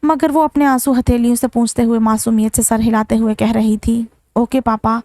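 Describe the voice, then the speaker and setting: A woman reading a novel aloud as an audiobook narrator, in a steady, even manner. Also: fairly high pitch, a little fast. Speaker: novel reader.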